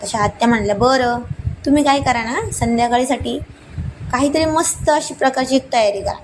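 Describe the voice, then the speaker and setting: A woman's voice: high voice, fairly quick, a little hiss or hum, rough recording. A woman narrating a romantic family story and voicing the dialogue lines with small shifts.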